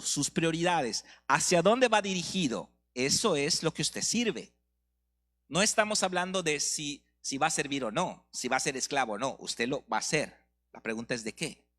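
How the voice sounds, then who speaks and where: A middle-aged man with a Mexican Spanish accent preaching a sermon, asking rhetorical questions and slowing down for emphasis. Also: fairly high pitch, a bit bright. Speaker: pastor.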